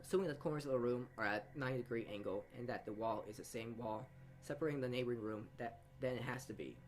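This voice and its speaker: A fast-talking man with a medium-pitched voice narrates a visual novel as a let's play host, reading the text with asides. He frequently stumbles and re-reads words, and there's game music plus slight background noise.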